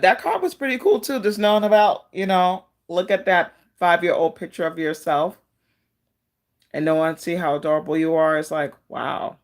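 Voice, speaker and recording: A fortune teller of unclear sex giving a casual live oracle card reading, addressing people by name and reflecting on each message. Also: mid-range voice.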